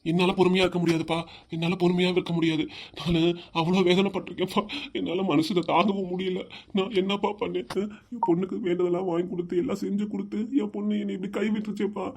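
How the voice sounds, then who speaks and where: Cartoon father, middle-aged and hot-tempered, southern Tamil accent, voiced by one performer; rapid delivery. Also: mid-range voice, lightly acted. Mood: scolding. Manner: scolding, shouting, then weeping.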